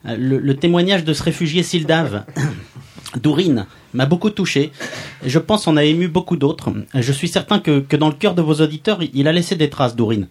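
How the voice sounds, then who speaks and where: A man's voice: on the high side, expressive, normal speed, husky, voice pushed down. A man playing a pompous, sardonic podcast columnist who roasts the guest and chuckles at his own jokes. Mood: smug, mocking. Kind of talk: comic podcast chronicle.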